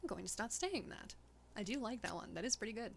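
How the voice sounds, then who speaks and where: A chatty woman plays through a game on stream and jokes with her co-host. Her voice sits mid-pitch, and a faint noise runs behind her. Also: sing-song, fast, vocal fry. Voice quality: laughs often, playful and chatty. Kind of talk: casual gameplay chat.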